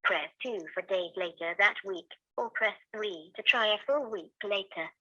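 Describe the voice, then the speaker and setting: A woman's voice: mid-range voice, dry recording. An automated woman's voice reading booking menu prompts, heard through a phone on speakerphone. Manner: even, measured, clearly spaced prompts. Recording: tinny phone speaker, dull and dry.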